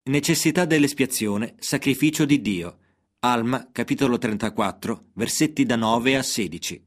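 A man narrating a religious parable and scripture references in a measured, even reading voice. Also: mid-range voice.

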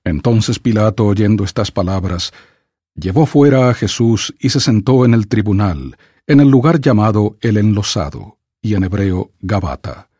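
Low husky man reading scripture. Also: mellow, no room sound, studio quality. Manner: measured, solemn reading. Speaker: scripture reader.

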